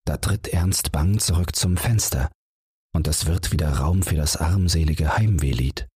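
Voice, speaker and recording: A man reading a bedtime audiobook in a calm, unhurried manner with a husky voice, close to the mic. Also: deep voice, no echo. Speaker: audiobook narrator.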